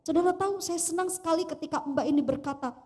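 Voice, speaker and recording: Woman pastor, very high voice, sermon in a reverberant church. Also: fast, noisy background. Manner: animated storytelling, addresses congregation directly.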